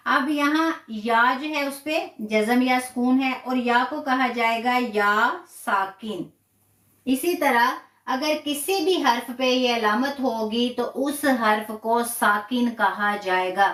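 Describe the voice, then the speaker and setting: A woman's voice: fairly high pitch, takes it slowly, fairly bright tone, echoey room. A woman teaching Quran recitation rules, patiently repeating each term and asking herself questions. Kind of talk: slow step-by-step tajweed lesson. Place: live stream from a room.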